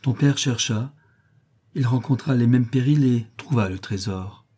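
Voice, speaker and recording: A man voicing an old Mexican nurse woman, speaking gently and persistently. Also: medium pitch, measured pace, slightly rough. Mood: earnest.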